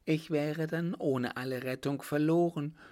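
A frightened young noblewoman pleads in a high, strained voice, as a male reader puts her on. The anxious audiobook heroine sounds much higher than the narrator's own low tone. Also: steady tone, unhurried, a little mellow, lightly acted. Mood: anxious pleading. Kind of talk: audiobook reading.

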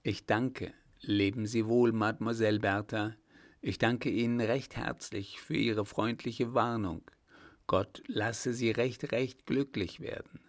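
A man reading a calm, fatherly gentleman. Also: on the low side, slow. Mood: warm farewell.

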